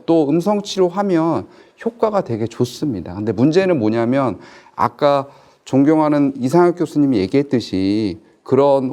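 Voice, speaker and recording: Animated male doctor explaining emphatically. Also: mid-range voice. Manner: emphatic, repeats points, jokey asides. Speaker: ENT doctor panelist. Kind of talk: panel discussion.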